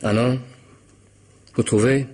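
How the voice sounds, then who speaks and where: A man with a medium-pitched, fairly even, slightly mellow voice speaks slowly, acting in a French radio mystery drama. He plays a cunning middle-aged hitman, a smug, mocking, methodical blackmailer, using theatrical irony and precise, formal diction to convey sardonic menace.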